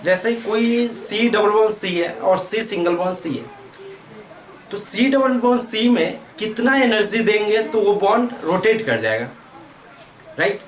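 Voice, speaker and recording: Teaching chemistry at a board, this Indian-accented man asks and answers his own questions while going over key terms again and again. He has a high, animated voice and keeps a measured pace. It's recorded in an echoey room with the microphone far away.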